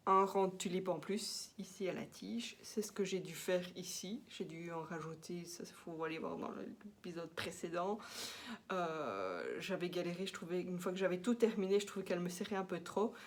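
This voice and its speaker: A woman's voice: on the low side, normal speed. A woman from Belgium with a Belgian French accent, chatting casually in a knitting vlog, full of fillers and restarts, recorded on a laptop at home. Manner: chatty and self-deprecating, with many fillers and restarts, laughing often. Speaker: knitting vlogger. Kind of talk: casual chat. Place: at home, working on a work laptop. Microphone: laptop microphone.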